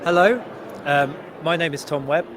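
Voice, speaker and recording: A man's voice: on the high side, normal speed, crowd noise, background noise. A young man, a postdoc, welcoming the audience and introducing a speaker, with some hesitant fillers. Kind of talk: event host introduction.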